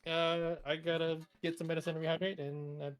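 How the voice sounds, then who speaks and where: A man acting as game master, telling the scene in slow, hushed, theatrical narration and calling for dice rolls. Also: a little high, flat delivery, clear, resonant tone. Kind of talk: dramatic narration of a tabletop game.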